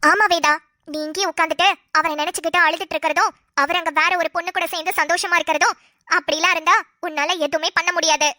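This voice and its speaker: A woman voicing a sly, scheming young woman in a cartoon, speaking low, firm and coaxing as a bossy confidante. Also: fairly even intonation, fast, pushed and bright, no echo, studio quality. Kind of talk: cartoon voice acting.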